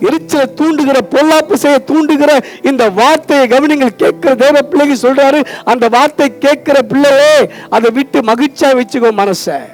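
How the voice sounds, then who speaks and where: High-voiced fervent Tamil preacher. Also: male voice, steady tone, moderate pace, rough recording. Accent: Tamil Nadu. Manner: fervent preaching, calls out to listeners, call-and-response. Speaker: pastor. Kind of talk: sermon.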